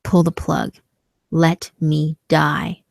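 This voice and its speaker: A woman voicing a tormented, resigned young man trapped in dreams, slow, grave and pleading, in a horror story. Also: low voice, little pitch movement, vocal fry, a little mellow, dry recording, clean studio sound, full character voice. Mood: pleading, weary. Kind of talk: scripted horror story dialogue.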